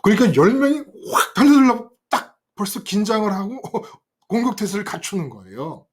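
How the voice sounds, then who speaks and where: An older man preaching a sermon, telling a story from his youth in an animated way and speaking directly to his listeners. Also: sits high, moderate pace, husky. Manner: animated, acts out quoted voices and addresses listeners directly. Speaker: pastor.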